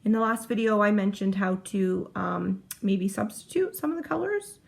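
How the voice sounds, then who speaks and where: Chatty woman with a gravelly voice. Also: medium pitch, animated, moderate pace. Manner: chatty, rambling, self-interrupting. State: heavily pregnant. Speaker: cross-stitch vlogger. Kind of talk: casual chat to camera.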